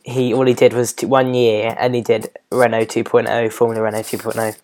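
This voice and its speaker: Podcast host guy, halting, keeps tripping over names and laughing. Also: mid-range voice, little pitch movement, a little mellow. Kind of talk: casual chat.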